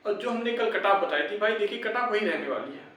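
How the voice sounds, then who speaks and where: This YouTube exam-update presenter is a young man whose high, sharp voice moves fairly quickly and with animation. Treating viewers as brothers, he gives informal advice and pep talk, pressing and repeating his points. Heavy echo and a distant mic mark the recording.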